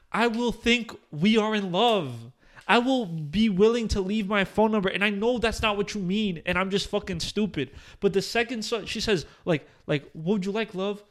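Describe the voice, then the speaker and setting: A young man hosting a podcast, telling a long story in animated bursts, swearing and restarting his sentences, full of fillers. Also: high-pitched. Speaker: podcast host. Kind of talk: casual chat.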